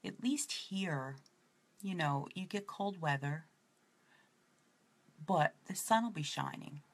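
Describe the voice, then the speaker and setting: A woman's voice: low voice, animated, slow pace. A woman with a New York accent, chatting casually and rambling as she demonstrates her makeup. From Brooklyn, New York. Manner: chatty, rambling, drifting off topic. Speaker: makeup tutorial presenter.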